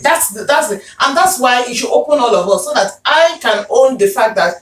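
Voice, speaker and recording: A woman's voice: on the high side, animated, a little fast. A woman with a Nigerian accent hosting a casual group discussion, speaking earnestly with frequent fillers. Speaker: host. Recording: echoey room, distant mic, faint noise.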